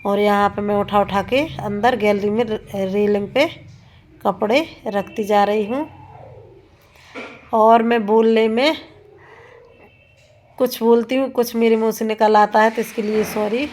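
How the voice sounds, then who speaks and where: She speaks at medium pitch with fairly even intonation, a little slowly and with frequent pauses; the tone is darkish and there's slight background noise. A vlogger in her thirties with a sore throat, she rambles casually through chores in her home kitchen and on the rooftop, often correcting herself.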